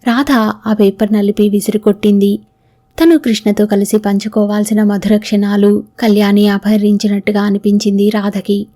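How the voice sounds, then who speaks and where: A woman's voice: mid-range voice, mellow. A woman narrating a novel aloud as an audiobook, reading both spouses' lines in her own voice.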